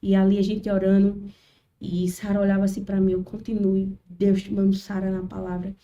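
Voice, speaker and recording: A woman's voice: mid-range voice, brisk, distant mic, dull audio. A woman telling a church testimony as a podcast guest, acting out the people in her story. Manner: animated storytelling, acts out quotes. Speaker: guest, children's ministry worker. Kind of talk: testimony in casual chat.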